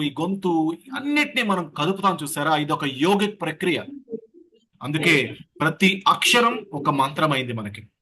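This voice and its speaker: A man teaching an online voice class, leading the group through breathing and syllable drills. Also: a little high. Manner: lively, leads breathing and sound drills. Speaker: voice coach. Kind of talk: online voice workshop lecture. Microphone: video call.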